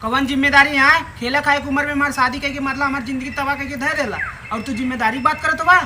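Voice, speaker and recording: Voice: high voice, steady tone, quick pace, bright, forceful tone, slight background noise. A performer quarrelling and mocking in a rural family comedy sketch.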